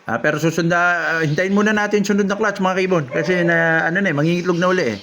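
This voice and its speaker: A man's voice: sits high, steady tone, fast, a bit bright, a little hiss or hum. A man, a lovebird breeder on a casual livestream, reading out viewers' names and comments and reacting to them. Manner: reads out commenters' names and messages, then reacts.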